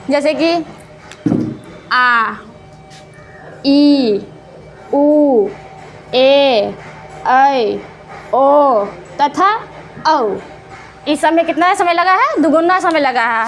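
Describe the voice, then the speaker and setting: A woman's voice: high-pitched, fairly bright tone. A woman teaching Hindi grammar to students, asking questions and answering them herself, repeating each key term and drawing out the example sounds. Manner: drawn-out sounds when showing vowel and consonant examples. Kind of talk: classroom lesson explaining to students.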